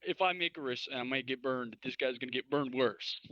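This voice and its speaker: A young man playing a tabletop game, excitable and swearing a lot, often shouting his lines. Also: medium pitch, a little fast, dry recording, highs cut off. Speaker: player.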